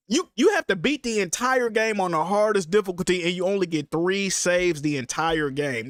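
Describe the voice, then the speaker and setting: A congested streamer with a fairly high, fairly bright voice hosts a casual livestream, chatting in loose, slangy banter and swearing a lot. He sits close to the mic, so the recording sounds dry and close.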